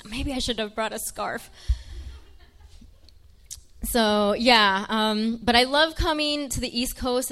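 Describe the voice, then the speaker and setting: A woman's voice: mid-range voice, a bit bright, clean tone. A young woman from Michigan giving an earnest, chatty personal faith testimony to an audience, with frequent ums.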